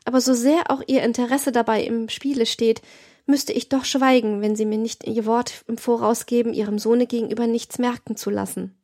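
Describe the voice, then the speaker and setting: A woman's voice: on the high side, fairly even intonation, normal speed, darkish tone. A woman voicing a pious young servant in an audiobook, earnest and deferential. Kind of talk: audiobook reading.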